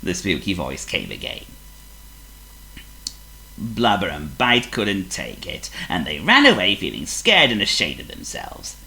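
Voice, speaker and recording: Guy reading a kids story, slow and very sing-songy, bright voice. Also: deep voice, huge pitch swings, vocal fry, low-quality recording.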